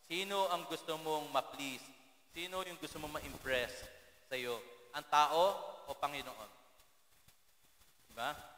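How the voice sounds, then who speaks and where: Filipino man preaching, high and bright voice, chatty sermon full of rhetorical questions, long church-hall echo. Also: slow pace, pauses often, a little hiss or hum. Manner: conversational, often asks the congregation rhetorical questions. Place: church sanctuary.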